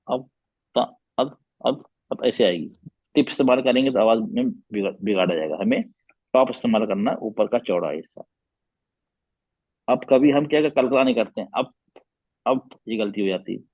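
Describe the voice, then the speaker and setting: A male teacher leads an online class in Quran recitation, patiently drilling sounds and asking his students questions. His voice has a slightly husky edge. The audio is dry and muffled, like a dull online call. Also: medium pitch, no room sound.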